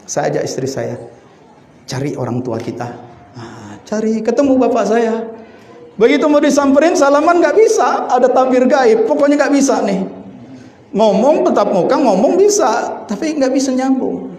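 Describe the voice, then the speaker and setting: Animated preacher man telling a story. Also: extremely high pitch, normal speed. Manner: animated storytelling, swings from hushed to excited. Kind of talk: sermon storytelling. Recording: echoey room with faint ambience.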